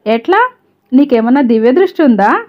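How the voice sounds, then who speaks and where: A timid, troubled young woman from an audio storybook speaks quietly and hesitantly, as a woman narrator reads her. Her voice sits fairly high. The sound is slightly dull and lo-fi. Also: sing-song, normal speed.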